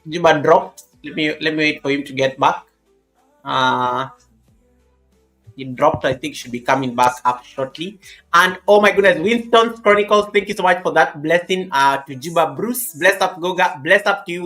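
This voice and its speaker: A man with a fairly high, very bright voice hosts a casual livestream. He greets and thanks viewers by name in an easygoing way and often repeats his phrases. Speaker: livestream host.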